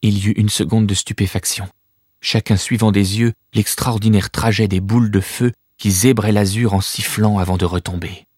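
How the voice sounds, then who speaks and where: A male narrator with a fairly low voice reads a children's novel with measured, vivid storytelling. The sound is close and dry, with no room around it. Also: steady tone, darkish tone, breathy edge, dry recording. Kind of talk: scripted audiobook narration.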